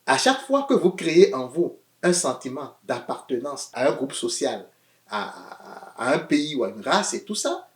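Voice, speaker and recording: In an echoey room, a man with a mid-range voice preaches at normal speed. His sermon is animated, veering between loud emphasis and quiet asides, with frequent repeated words as he searches.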